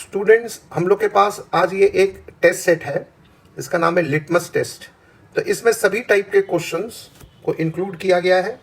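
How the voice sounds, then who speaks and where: A man, teaching an English exam practice lesson, explaining slowly and pausing between points. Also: high voice, vocal fry, breathy edge, low-quality recording. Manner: slow deliberate explaining with pauses.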